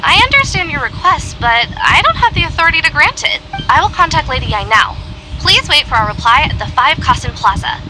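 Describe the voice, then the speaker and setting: A courteous young game attendant presents prizes in a very high voice. Her customer-service delivery is polite and lively, with music clearly behind her. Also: fairly quick, low-quality recording. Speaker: lucky draw attendant. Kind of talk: scripted video game voice acting.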